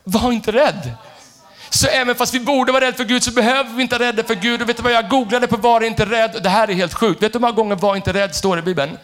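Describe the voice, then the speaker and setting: A male pastor preaching an animated sermon, jumping from shouted lines to quiet asides. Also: extremely high pitch. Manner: animated, shifts between shouting and hushed asides. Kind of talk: energetic sermon.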